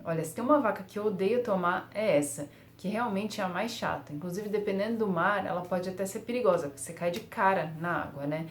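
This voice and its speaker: A woman's voice: medium pitch, fairly quick, few pauses, roomy sound, over music. A young woman giving surfing tips in a casual, chatty way, often laughing at herself and using fillers. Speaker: surf vlogger. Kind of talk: casual tutorial talk.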